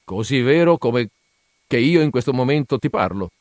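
Hearty boastful sailor, a little drunk, animated delivery, read by a male narrator. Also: medium pitch, moderate pace, no room sound, clean studio sound, natural voice. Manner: swaggering, boastful, slightly drunk.

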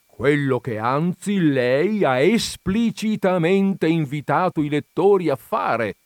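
Man playing a insistent male visitor, smug, emphatic, lively intonation, slow, dry close recording. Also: fairly high pitch, no echo, pitched above the performer's own voice. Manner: phlegmatic yet emphatic, pressing questions. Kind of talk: audiobook reading of a comic story.

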